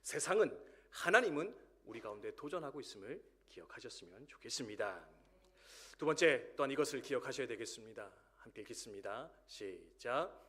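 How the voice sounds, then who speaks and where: Animated male preacher telling a story. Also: mid-range voice, fairly quick, slight background noise. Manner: storytelling, acting out a dialogue between students. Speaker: pastor. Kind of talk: sermon. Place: church sanctuary.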